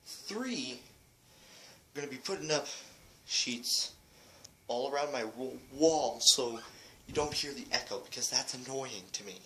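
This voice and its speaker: A man's voice: mid-range voice, unhurried, sharp tone. A young man giving a rambling, self-mocking channel update while out of breath, talking through a built-in device mic. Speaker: channel host. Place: small room with echo. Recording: echoey room, faint hiss.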